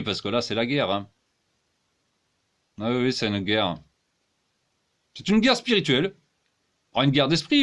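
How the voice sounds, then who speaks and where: A man's voice: mid-range voice, fairly bright tone. A man delivering a rambling, crude comic monologue as a one-man-show performer, full of exclamations.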